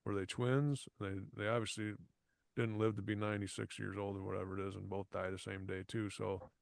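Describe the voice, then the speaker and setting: A man chatting casually on a podcast, halting and full of fillers, often clearing his throat. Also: lowish voice, little pitch movement, no echo. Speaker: podcast co-host. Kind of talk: casual chat.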